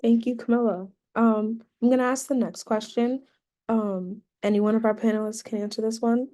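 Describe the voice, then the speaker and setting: Mellow-voiced young woman asking questions. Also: a little high, fairly even intonation, normal speed. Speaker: panel question asker.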